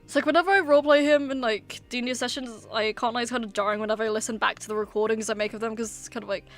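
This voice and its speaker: A woman's voice: on the high side, fairly even intonation, rapid-fire. A woman streamer chatting casually, rambling and hesitant with lots of "um" and "like". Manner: rambling, hesitant, many fillers. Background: faint background music.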